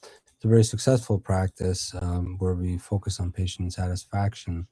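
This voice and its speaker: A man's voice: low-pitched, steady tone, moderate pace, dark tone, no room sound. A middle-aged man from Iran, a dentist, answering podcast questions with many fillers and restarts. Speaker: dentist and conference founder.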